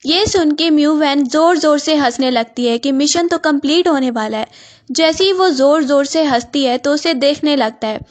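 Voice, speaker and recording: A woman narrating a drama recap as a voice-over, with brisk storytelling that mixes English words into her speech. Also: sits high.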